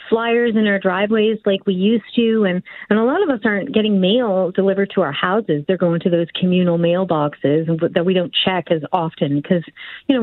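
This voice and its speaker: This woman speaks with a Cape Breton accent and explains things at length, full of "you know"s, in a relaxed way. Her voice comes through a tinny phone line, and the sound is close and dry. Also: medium pitch, no room sound. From Cape Breton, Canada. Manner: talkative, explains at length with many fillers. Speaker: research assistant guest. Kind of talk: casual interview talk.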